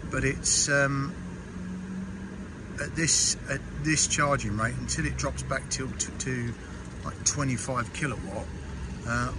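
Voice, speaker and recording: A man in his forties from England, vlogging casually from inside a small car, rambling with lots of ums. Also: medium pitch. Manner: chatty, rambling with many ums and restarts. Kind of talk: casual vlog commentary. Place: inside a small car, then outdoors by a charger. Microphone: action camera mounted in the car. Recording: distant camera mic with loud road noise.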